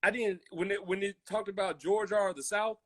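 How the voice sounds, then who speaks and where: His voice sits high, fairly bright and steady in tone, and he talks fairly quickly. The speaker is an American podcast co-host from a military family who grew up in Germany, Colorado and Hawaii, and he speaks emphatically on a casual, impassioned show, repeating phrases and acting out imagined quotes.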